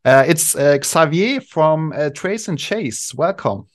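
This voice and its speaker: A man's voice: fairly high pitch, lively intonation, slow. A man whose first language is German, hosting a podcast in English with hesitant phrasing and many fillers. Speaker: podcast host. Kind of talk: casual interview chat.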